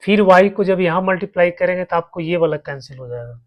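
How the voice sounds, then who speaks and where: A man's voice: high-pitched, animated, a little fast. A man teaching a maths lesson, walking his students through each step and repeating terms as he writes. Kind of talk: slow blackboard maths lesson.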